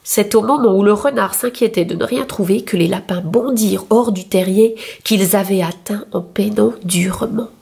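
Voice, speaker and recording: A woman reading a picture book aloud for young children with clear, expressive storytelling. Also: mid-range voice, normal speed, few pauses.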